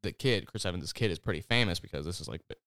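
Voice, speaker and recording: A man with a lowish, smooth and resonant voice chatting casually with friends. He walks through a story in a loose, rambling way, full of "like" and restarts. The sound is close and dry. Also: animated, rapid-fire, fairly bright tone, no echo. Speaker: podcast host recapping a TV series. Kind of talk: casual chat.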